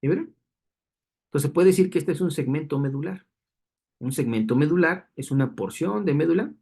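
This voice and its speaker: A man's voice: on the high side, expressive, moderate pace, mellow, slightly rough. A man teaching anatomy in a classroom lecture, explaining diagrams and checking in with students through frequent tag questions.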